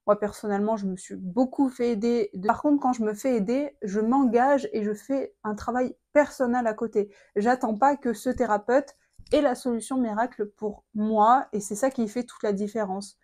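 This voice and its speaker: A woman's voice: a little high, moderate pace, mellow. A young woman talking earnestly and reflectively to camera, sharing personal advice with a lot of hesitation fillers. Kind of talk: casual confiding talk to camera.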